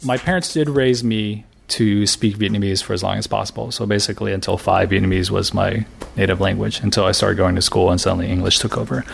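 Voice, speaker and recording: Faint music sits behind a man in his thirties from the US, a graphic novelist being interviewed, who talks quickly in a fairly low, creaky voice. His manner is relaxed and chatty, with lots of fillers and restarts.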